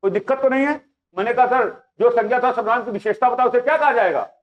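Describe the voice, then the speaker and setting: A man's voice: very high voice, fast. A male teacher giving a classroom lecture, quizzing his live students with repeated questions. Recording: dull lo-fi sound.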